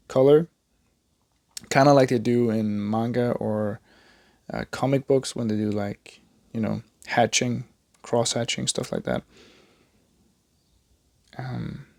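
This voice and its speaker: With noticeable vocal fry in a mid-range voice, a young Danish art vlogger chats while he draws, rambling and poking fun at himself through lots of fillers and restarts. His Danish accent comes through on a dry, clean studio recording.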